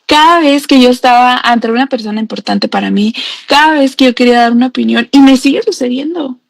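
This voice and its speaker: A woman's voice: high-pitched, a little fast, vocal fry, no echo. A young woman, a personal growth coach telling a heartfelt personal story straight to the viewer in an earnest, intimate way. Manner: earnest and intimate, addresses the listener directly.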